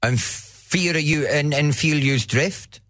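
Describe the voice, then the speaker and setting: A man's voice: on the high side, a bit bright, no room sound. A man hosting a casual radio show, teasing and boasting playfully as he competes in a quiz. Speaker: radio host. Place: radio studio. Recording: radio broadcast with music underneath.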